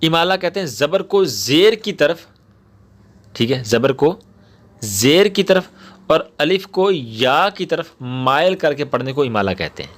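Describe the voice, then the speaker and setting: A man teaching a Quran reading lesson, patiently explaining rules, often checking with his listeners and slowing down to spell out words syllable by syllable. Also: on the high side, animated, a little hiss or hum. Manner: patient, repeats points and checks with "ٹھیک ہے؟".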